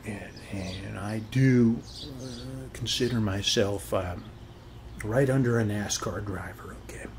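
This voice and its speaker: An American man does an ASMR roleplay as a talkative, bragging suburban neighbor, rambling folksily and checking in with the listener often. His voice is lowish and darkish, his pace slow, with slight hiss or hum.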